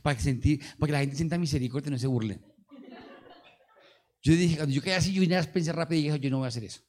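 Animated Colombian pastor preaching. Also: male voice, a little high, racing. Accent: Colombian Spanish. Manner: animated storytelling with call-and-response. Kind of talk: sermon.

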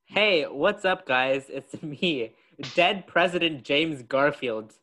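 A boastful, self-satisfied ghost of a dead president holds court in a comedy podcast skit, as a young man puts him on. The voice is bright and a little high. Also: expressive, slow pace, slight background noise, full character voice. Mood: smug. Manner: smug, boastful.

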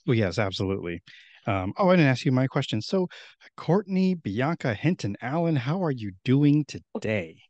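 A man's voice: mid-range voice, big pitch swings, normal speed, a little mellow, dry recording, muffled recording. A man in his thirties hosting a podcast in a rambling, friendly way, with many restarts. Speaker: podcast host. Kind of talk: casual podcast chat.

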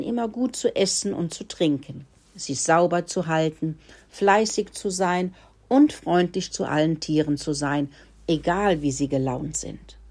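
Calm woman narrator for kids' story, mellow, lowish voice. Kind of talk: reading a children's story aloud.

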